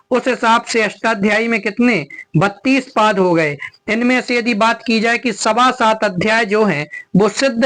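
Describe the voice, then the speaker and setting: Male tutor with a high voice, walking through quiz answers and repeating each question. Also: a bit bright. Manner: repeats each question, asks rhetorical checks like "ठीक है ना". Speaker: Sanskrit exam tutor. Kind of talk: quiz lesson explaining answers.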